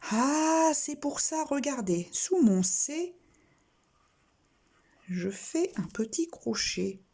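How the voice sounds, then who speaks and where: Slow, lively-voiced woman teaching reading. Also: high voice. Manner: slow, deliberate, spelling out letters and sounds. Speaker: primary school teacher. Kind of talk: recorded reading lesson.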